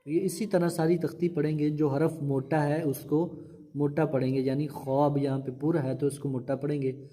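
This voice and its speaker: Male Quran teacher, patient and repetitive, dark mellow voice, slightly high pitch. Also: level tone. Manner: patient, repeats rules and drawn-out syllables. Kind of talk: slow instructional recitation lesson.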